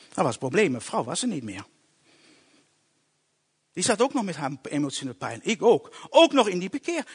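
A man giving an emotional personal conversion testimony in a halting storytelling way, often restarting his words. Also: high-pitched, fairly bright tone, breathy edge. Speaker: testimony speaker.

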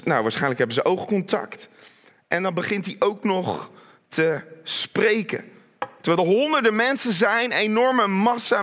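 Fervent preacher man, fairly high voice. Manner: emphatic, rising to loud urgent calls. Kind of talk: sermon.

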